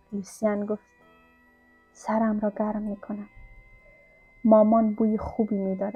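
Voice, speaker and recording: Female audiobook narrator, warm low-key tone, calm literary reading on a muffled recording. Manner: calm, even storytelling. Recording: dull lo-fi recording with faint music.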